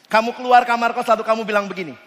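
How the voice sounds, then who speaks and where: A man giving a lively youth sermon, joking with the crowd and asking it questions. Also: very high-pitched, very fast. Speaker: preacher. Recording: long hall reverb.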